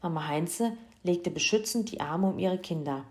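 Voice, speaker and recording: A woman reading a children's story aloud in a lively, expressive way. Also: fairly low pitch, moderate pace.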